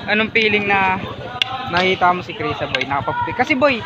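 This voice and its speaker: A man's voice: high voice, animated, moderate pace, background noise. A young man vlogging in casual banter, teasing his friends and saying boy often. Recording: dull lo-fi phone audio, loud crowd.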